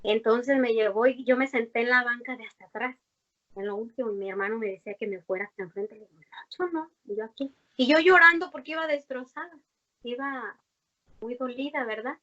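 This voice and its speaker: A woman's voice: fairly high pitch, a little fast, a bit bright. A young woman gives a heartfelt personal faith testimony in conversation, earnest and rambling, with many fillers and restarts. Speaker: guest giving a faith testimony. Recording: dull lo-fi recording.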